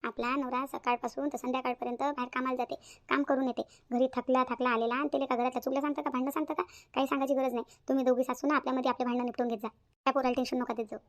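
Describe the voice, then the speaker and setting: A woman's voice: high-pitched, level tone, racing. A woman voicing a wise elder aunt in a family cartoon, admonishing the family. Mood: lecturing. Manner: lecturing, admonishing.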